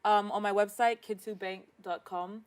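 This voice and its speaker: A woman's voice: mid-range voice, steady tone, moderate pace, clear, resonant tone. A woman guest on a talk show, chatting casually with frequent fillers and laughs. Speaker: guest, financial literacy educator. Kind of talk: casual interview chat.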